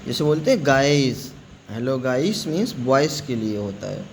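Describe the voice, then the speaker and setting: A man teaching English pronunciation, slowly spelling out words letter by letter and repeating them. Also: medium pitch, big pitch swings, slight background noise, rough recording. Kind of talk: spoken classroom-style lesson.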